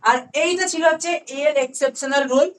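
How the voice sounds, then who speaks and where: A woman tutoring English grammar online speaks with a high voice and Bengali accent. She explains with patience, slowing to repeat important words and often making sure students have understood.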